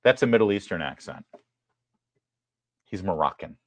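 A man's voice: low voice, expressive, normal speed, no room sound. An American man giving political commentary in a sarcastic, emphatic manner.

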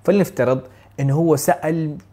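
A man from Saudi Arabia with a Hejazi Arabic accent, coaching learners for an English speaking exam in an energetic, casual way. He chuckles often and slips English words and phrases into his Arabic. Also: a little high, brisk. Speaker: IELTS speaking tutor. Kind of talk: casual instructional talk to camera.

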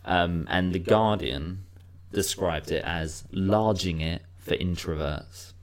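Man, very low voice, rambling casual music chat. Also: takes it slowly, creaky. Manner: rambling, restarts, many "you know".

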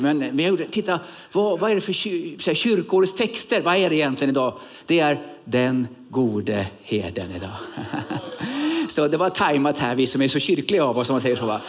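A middle-aged man from Sweden preaches in a church, his voice sitting somewhat high for a man. He talks haltingly, full of fillers, then lifts into sudden emphatic rises. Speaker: guest preacher. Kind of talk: sermon.

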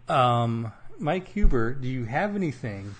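A man's voice: medium pitch, slight background noise. A young man with a Midwestern accent hosting a casual podcast chat, rambling and self-deprecating with lots of fillers. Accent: Midwestern American. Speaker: podcast host.

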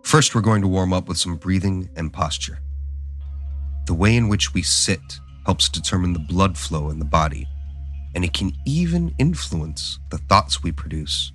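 A man guiding a meditation in a soft, calm, soothing way, like an instructor leading relaxation. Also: low-pitched, moderate pace, husky, soft background music. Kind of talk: guided meditation narration.

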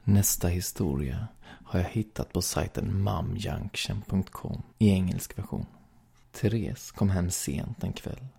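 A man reads ghost stories aloud in a slow, even storytelling manner. His voice is dark and mellow, with a husky, breathy edge. A heavy gravelly fry runs through his low delivery.

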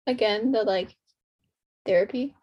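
A young woman co-hosts a podcast in a casual, conversational style. Her voice sits at a middle pitch for a woman. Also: a little slow, darkish tone, husky. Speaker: podcast co-host.

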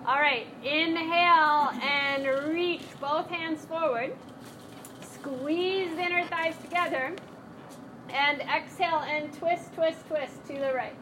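Woman yoga teacher, high-ish voice, playful encouraging cues, faint background noise. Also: slow. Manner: encouraging, playful cueing of breath and movement. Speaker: chair yoga instructor. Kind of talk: live guided yoga class. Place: class room with group.

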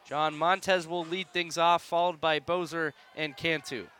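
A man's voice: fairly high pitch, fairly even intonation, measured pace, sharp tone. A man calling live baseball play-by-play on the radio in emphatic, dramatic short phrases. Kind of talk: live radio sports commentary.

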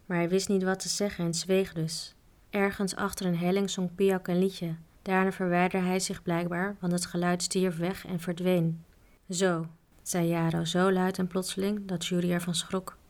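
A woman reading a children's book aloud in a calm, even storytelling manner. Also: on the low side. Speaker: audiobook reader. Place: at home.

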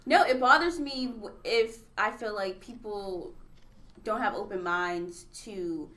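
A woman co-hosting a podcast in casual chat, lively and acting out quoted dialogue. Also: mid-range voice, slow pace. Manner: animated, acts out quoted dialogue. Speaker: podcast co-host.

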